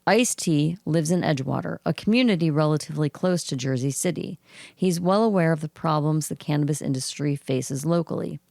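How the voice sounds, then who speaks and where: With a low-pitched, gravelly and froggy voice, this podcast co-host reads cannabis news items in a relaxed way, a little fast but steady. She clears her throat at times, and the studio-quality audio has no echo.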